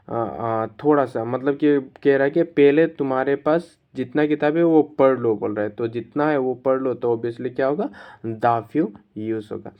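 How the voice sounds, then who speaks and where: A man's voice: medium pitch, clean tone. Man explaining grammar. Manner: explains step by step, repeats rules, many "uh" pauses. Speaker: English grammar teacher. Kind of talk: classroom-style lesson explanation. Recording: slightly dull lo-fi recording.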